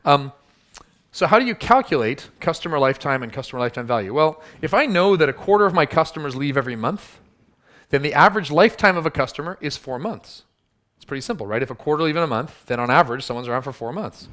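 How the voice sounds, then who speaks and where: Male workshop speaker, quick delivery, punchy and teasing with the audience. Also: on the high side, expressive, a bit bright. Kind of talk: live workshop talk.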